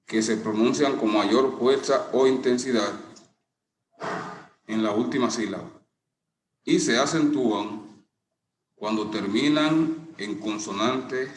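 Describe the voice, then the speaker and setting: A middle-aged man teaching a lesson, explaining slowly and deliberately with a few restarts. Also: medium pitch, a little hiss or hum. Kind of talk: classroom lesson. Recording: echoey room with faint ambience.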